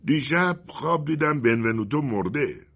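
A man playing a bitter, greedy middle-aged male colonel in a storybook reading, with a husky voice and stern outbursts. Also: mid-range voice, expressive, a bit bright, pitched above the performer's own voice. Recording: dull lo-fi recording.

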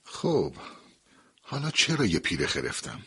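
Gruff aging father-in-law as a man plays him, very deep, very husky, terse and weary, audiobook dialogue. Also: huge pitch swings, a bit bright, exaggerated voice. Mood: curt. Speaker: voice actor in an audio story.

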